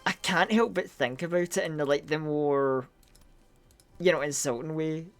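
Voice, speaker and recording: Excitable Scottish game streamer. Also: mid-range voice, moderate pace, soft background music. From Scotland. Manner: excitable, swears freely, stumbles and repeats words. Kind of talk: casual live-stream chat while playing.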